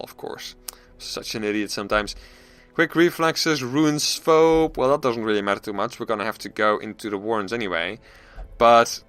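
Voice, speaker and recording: Male gaming host mulling choices aloud; lively, bright, self-deprecating delivery. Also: mid-range voice. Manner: thinking aloud, self-deprecating, frequent restarts. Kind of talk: let's play commentary.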